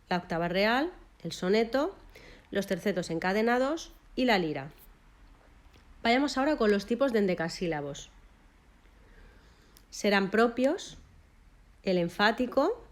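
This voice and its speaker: Measured woman teaching. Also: medium pitch, a little mellow. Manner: measured, lists terms one by one with short pauses. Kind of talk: explanatory lesson.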